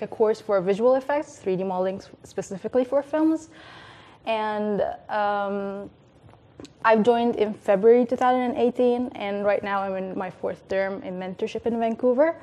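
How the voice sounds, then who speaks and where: A woman's voice: medium pitch, a little mellow. A young woman from Egypt giving an earnest student testimonial with small hesitations. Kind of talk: casual testimonial. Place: indoor studio.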